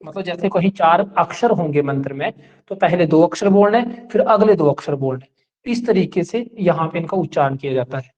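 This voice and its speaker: A man's voice: a little high, lively intonation, moderate pace, darkish tone, muffled recording. A male teacher giving an exam-prep lecture, explaining step by step and checking that his students follow.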